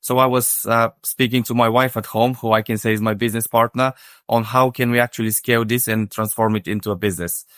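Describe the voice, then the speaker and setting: A man from Bulgaria, Bulgarian his first language, calmly answering as a podcast guest and explaining his work with many "uh" fillers. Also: medium pitch, fast talker, smooth, dry recording, studio quality. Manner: steady, methodical, many "uh" fillers. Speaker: podcast guest, hospitality consultant. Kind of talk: casual interview answer.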